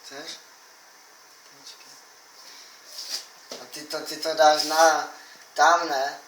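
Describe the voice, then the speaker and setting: Casting: high, bright-toned young guy, cocky and crude, taped in an echoey room from across it with faint hiss. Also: little pitch movement, distant mic. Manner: brash, crude and taunting. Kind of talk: rambling boastful monologue to camera.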